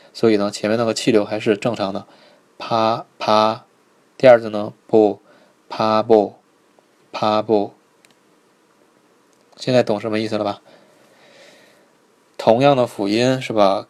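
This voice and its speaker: A man teaching a live online pronunciation lesson, patiently repeating each sound slowly and checking in with his students. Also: lowish voice, a little mellow. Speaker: Korean language teacher.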